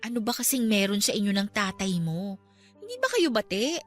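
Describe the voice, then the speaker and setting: A Filipino actress in a radio drama plays a young girlfriend caring for her man, exasperated and nagging yet tender, in a concerned mood. She speaks with a medium-pitched, sing-song voice at a moderate pace, and music plays behind her.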